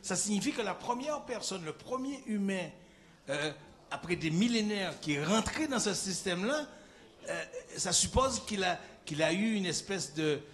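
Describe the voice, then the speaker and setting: A man in the audience puts a question to the speaker, stalling and restarting as he searches for the right words. His voice sits fairly high for a man. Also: animated, moderate pace, fairly bright tone. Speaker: audience member asking a question.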